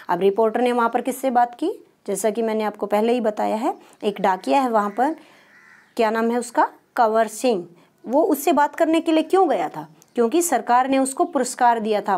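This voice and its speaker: This woman's voice is on the high side and a little mellow. Teaching primary schoolers, she explains things patiently and answers the very questions she asks.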